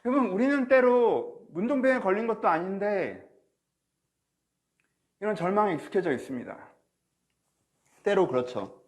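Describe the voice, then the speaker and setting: 마스크를 쓴 채 설교하는 높은 음성의 남자 목사. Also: male voice, high-pitched, normal speed, pauses often. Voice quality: slightly muffled, speaking through a face mask. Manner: animated, acts out inner thoughts and pleas, addresses listeners directly with questions. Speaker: pastor. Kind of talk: sermon to a congregation, preached online. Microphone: speaking through a face mask.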